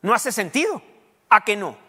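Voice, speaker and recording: A man's voice: high-pitched, very animated, normal speed, bright, forceful tone, slightly rough. A male pastor preaching a teaching sermon, quizzing his congregation and dropping English fillers. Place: church hall. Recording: echoey church hall.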